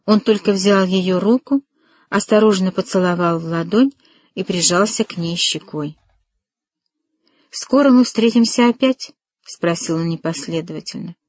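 A woman calmly reading a novel aloud as an audiobook narrator, in a measured way. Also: on the low side, dry recording. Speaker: audiobook reader.

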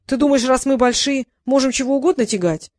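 A woman's voice: sits high, fairly quick, darkish tone, no echo, studio quality, voice pushed up, close to an everyday voice. A woman voicing a huge, vain male dragon who speaks grandly and a little bashfully. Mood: grandiose. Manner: grandiose, declaiming.

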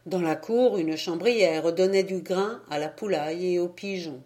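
Woman narrator, unhurried, even storytelling. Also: lowish voice. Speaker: audiobook reader. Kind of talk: scripted narration.

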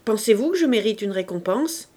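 Grave quiet old ex-convict, as a woman reads him, slow and measured, audiobook. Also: mid-range voice, animated, natural voice. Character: aging male former convict, grave and quiet.

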